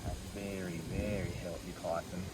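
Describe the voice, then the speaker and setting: A man's voice: low-pitched, flat delivery, normal speed, distant mic. An Australian man presenting a casual wildlife field vlog, enthusiastic and colloquial. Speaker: wildlife host. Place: outdoors in the bush. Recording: outdoor field recording with background noise.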